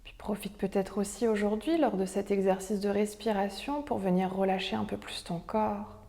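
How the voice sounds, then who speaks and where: A woman leading a guided breathing meditation in a soft, breathy, near-whispered voice, with soothing, measured instructions. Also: mid-range voice. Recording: long hall-like reverb.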